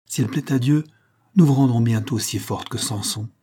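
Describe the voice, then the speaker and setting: A man's voice: mid-range voice, normal speed, warm tone, slightly rough. A man reading an audiobook, voicing a brusque, hearty older clergyman uncle.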